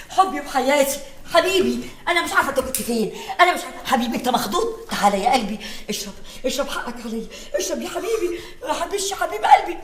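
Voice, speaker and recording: A very high, bright, excitable Egyptian woman gushing through a TV comedy scene. She swoops up and down and talks fast, in a roomy set with faint music underneath. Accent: Egyptian Arabic. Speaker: lead character Rora.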